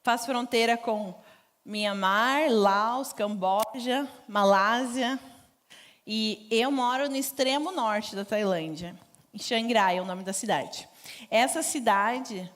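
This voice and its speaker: Chatty woman missionary. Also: fairly high pitch. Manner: conversational, laughs often, informal. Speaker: missionary speaker. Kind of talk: church mission talk. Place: church stage.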